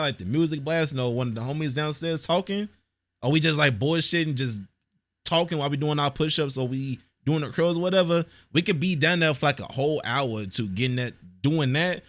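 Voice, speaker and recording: Fast-talking man reacting casually. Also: medium pitch, a bit bright. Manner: loose, slangy, swears freely. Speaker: reaction video host.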